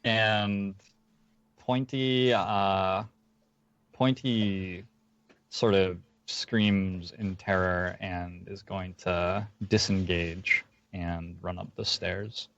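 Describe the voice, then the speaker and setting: A low-voiced man narrates as game master of a tabletop session. He pauses often with fillers and slows down for scene descriptions. His voice is dry and close, with dull, lo-fi sound. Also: fairly even intonation, a bit bright, no echo. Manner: hesitant, filler-heavy narration with slowed descriptive passages.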